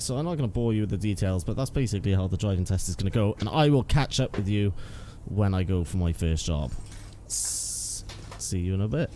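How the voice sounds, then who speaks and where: A man's voice: on the low side, dark tone, slight background noise. A young man giving casual, joking commentary as he plays a game and chats to viewers. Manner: chatty, joking asides to viewers. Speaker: gaming streamer.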